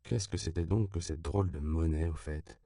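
A man reading an audiobook in even, measured scripted narration. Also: deep voice, creaky, no room sound, clean studio sound.

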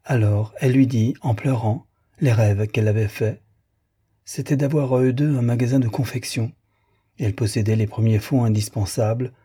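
A man reads a literary audiobook in a measured, even way. His voice is low, very dark and mellow, with a husky edge. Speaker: audiobook reader.

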